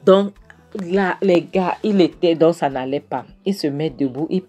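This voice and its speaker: A woman with a low voice retells a film plot in a chatty, storytelling way, speaking straight to her listeners. Faint music plays behind her narration. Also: a little slow, mellow. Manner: chatty, addresses listeners as "mes amours". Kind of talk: casual storytelling recap of a film.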